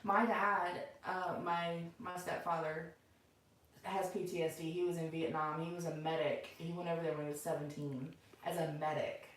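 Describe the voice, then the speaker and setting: A woman's voice: fairly low pitch, level tone, moderate pace. A middle-aged woman chatting casually and unscripted to viewers as the host of a livestream from home. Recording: very echoey room, far from mic.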